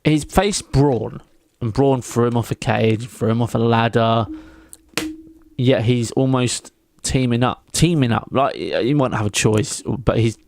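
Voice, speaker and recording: Young man, wrestling co-host, gravelly and exasperated, recorded dry and close. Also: mid-range voice, unhurried, a little mellow, no echo. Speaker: podcast co-host. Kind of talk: casual wrestling chat.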